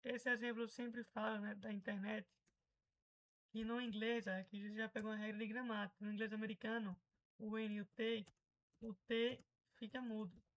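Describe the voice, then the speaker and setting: A woman's voice: fairly high pitch, flat delivery, normal speed, low-quality recording. Chatty Brazilian woman teaching pronunciation. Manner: chatty, explains patiently and repeats example words. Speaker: English teacher. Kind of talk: casual pronunciation lesson.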